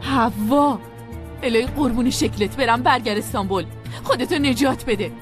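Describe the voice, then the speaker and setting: A woman's voice: on the high side, over music, natural voice. An actress playing an angry, protective middle-aged mother who scolds her daughter in a dubbed TV drama. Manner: scolding and urgent.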